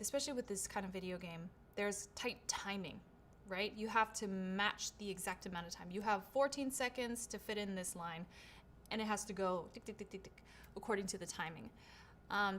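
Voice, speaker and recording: On a shotgun studio microphone with a little hiss or hum, a woman with a mid-range voice hosts her own livestream Q&A as a voice actor. She speaks English natively, reading viewers' questions aloud and answering in a chatty, cheerful way, peppered with "um" and "right?"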